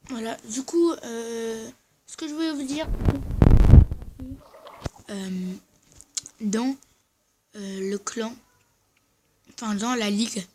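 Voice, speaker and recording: Heavy background noise surrounds a medium-pitched voice belonging to a gaming video host. They comment on gameplay casually but hesitantly, halting and often self-correcting, with dental braces making their speech slightly slurred and odd.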